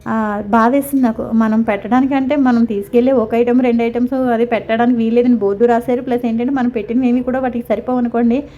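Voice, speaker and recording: A woman's voice: a little high, steady tone, fast, warm tone, lo-fi sound. A middle-aged woman from India narrating a casual vlog of a zoo visit, talking in a sympathetic, rambling way with many restarts. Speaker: vlogger. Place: outdoor zoo park.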